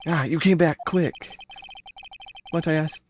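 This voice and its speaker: Man putting on a chirpy old-fashioned bellhop, pitched up. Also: a little slow, noisy background, natural voice. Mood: chirpy, deferential. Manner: chirpy, formal, deferential old-fashioned servant. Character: chirpy, polite old-fashioned male hotel bellboy.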